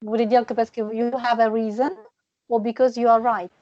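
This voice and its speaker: A woman's voice: fairly high pitch, flat delivery, warm tone, no echo, lo-fi sound. Patient woman teaching pronunciation. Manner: patient, repeats words slowly, laughs often. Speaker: French teacher. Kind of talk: one-on-one pronunciation lesson.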